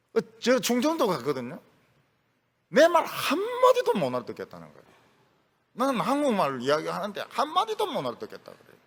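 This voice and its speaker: Korean pastor preaching with wide swings. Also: male voice, high voice, fairly bright tone, husky. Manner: storytelling with acted quotes and humor, voice rising and dropping sharply. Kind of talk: sermon.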